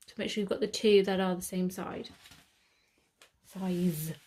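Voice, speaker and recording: A British woman gives a step-by-step sewing tutorial, chatting casually, thinking aloud, and correcting herself as she works. Her voice is on the low side, steady and mellow, at a measured pace.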